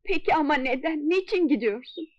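Anguished, lovestruck young maiden: high voice, old melodrama delivery, dry studio sound. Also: female voice, expressive, a little fast, dry recording. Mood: anguished pleading. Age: young adult. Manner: plaintive, declamatory. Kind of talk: melodramatic old Turkish film acting. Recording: dull, dry old dubbed film soundtrack.

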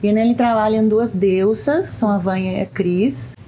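A woman's voice: medium pitch, normal speed, low-quality recording. Woman chef showing around a restaurant. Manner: relaxed, pointing things out as she walks. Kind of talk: casual guided tour. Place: restaurant kitchen and offices. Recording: audible kitchen background noise.

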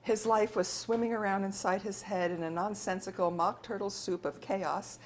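A woman co-author reading her novel aloud at a bookstore event in a steady, measured narration. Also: mid-range voice, a little hiss or hum.

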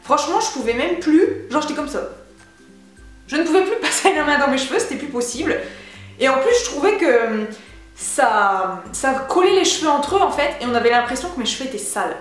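A woman's voice: sits high, sing-song, brisk, heavy reverb, soft background music. A young woman chatting casually through a beauty haul vlog, slangy and enthusiastic. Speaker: beauty vlogger.

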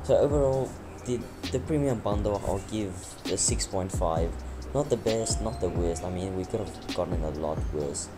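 At a normal speed, a deep-voiced young man who speaks Afrikaans gives casual, rambling commentary on his gameplay, heavy with fillers. As a game YouTuber, he records the voice-over on top of loud game music.

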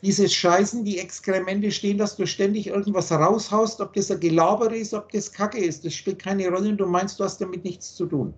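Blunt high-voiced German man lecturing. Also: fairly even intonation, fairly quick, few pauses. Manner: insistent, blunt, lecturing with everyday examples. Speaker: spiritual teacher. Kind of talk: lecturing on a video call. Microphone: video call.

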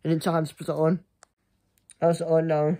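A young man chatting casually to camera in a halting, rambling way that often trails off. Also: a little high, completely flat delivery, warm tone. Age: young adult. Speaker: vlogger. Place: small furnished room indoors. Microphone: phone at arm's length.

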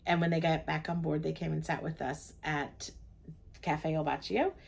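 A woman's voice: low-pitched, level tone, normal speed, creaky, husky. An older woman on a cruise ship, chatting through the day's events in a travel vlog from her cabin. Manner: chatty, recounts the day step by step. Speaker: travel vlogger. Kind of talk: casual chat.

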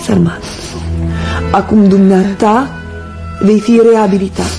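Woman doing a gravelly grand dame in a radio play, all drama and airs. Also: mid-range voice, fairly even intonation, dark tone, soft background music, natural voice. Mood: consoling, scheming. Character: vain, theatrical aging society woman, widow. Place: recording studio.

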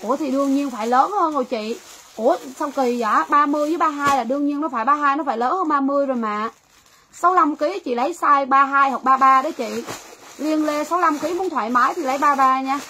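High-voiced woman selling live. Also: fast, sharp tone, a little hiss or hum, poor audio. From Vietnam. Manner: chatty, repeats phrases to viewers. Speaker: livestream seller. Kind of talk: livestream sales pitch.

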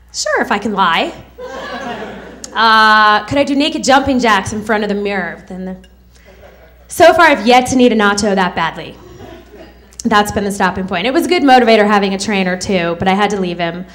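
A woman's voice: on the high side, a bit bright. A woman in her thirties performing a stand-up set on a club stage into a handheld mic, with a sarcastic, snappy delivery. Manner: sarcastic, snappy delivery with mocking character voices. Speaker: stand-up comedian.

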